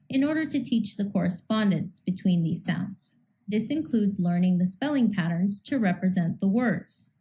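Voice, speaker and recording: A woman narrates a scripted lesson in a mellow, warm voice. Her delivery is measured and even, and she slows down to sound out single speech sounds. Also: medium pitch, low-quality recording. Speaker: instructor.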